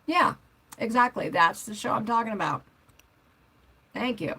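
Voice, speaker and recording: An older woman who vlogs about motorcycles hosts a relaxed livestream, rambling as she reads and answers viewer comments. Her voice is a little high, expressive, sharp, and slightly rough, at a measured pace.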